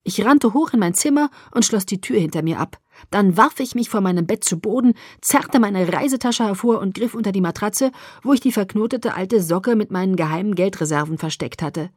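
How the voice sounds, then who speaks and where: A woman narrating a first-person audiobook in a measured, expressive storytelling voice. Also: medium pitch, dry recording, studio quality.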